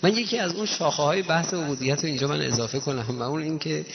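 A man with a somewhat high voice preaches a religious sermon. He is emotive and keeps turning to the listeners with rhetorical questions. His voice carries a long hall echo on a dull, muffled recording. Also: gravelly, crowd noise.

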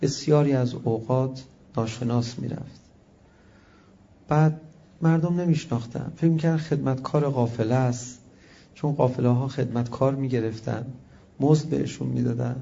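Impassioned preacher man, gravelly voice. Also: mid-range voice, muffled recording. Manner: impassioned, rhetorical questions, swings from hushed to loud. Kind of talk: religious sermon.

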